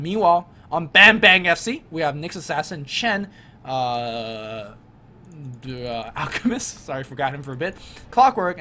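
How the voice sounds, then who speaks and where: A man's voice: on the high side, a little hiss or hum. Chatty, joking man casting a game. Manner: chatty, joking, energetic, laughs easily. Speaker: esports commentator. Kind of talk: casual game commentary over a replay.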